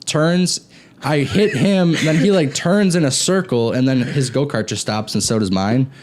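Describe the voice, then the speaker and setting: A man's voice: mid-range voice, normal speed, darkish tone. A young man chatting casually on a gaming group's talk show, telling rambling stories and swearing freely. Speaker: show co-host. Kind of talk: casual chat.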